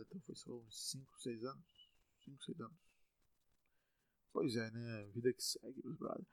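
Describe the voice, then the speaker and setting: A Bahian man in his twenties from Salvador, Brazil, rambles loosely through a casual podcast monologue in Bahian Brazilian Portuguese, swearing and poking fun at himself. His voice is medium-pitched and darkish, with dry, close sound and no echo.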